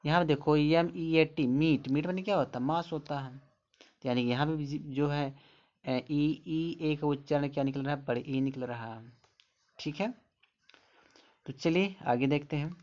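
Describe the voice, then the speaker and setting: A man's voice: fairly high pitch, a little mellow. Man teaching English pronunciation. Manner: explains slowly, repeats words and meanings. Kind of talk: spoken pronunciation lesson. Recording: dull lo-fi audio.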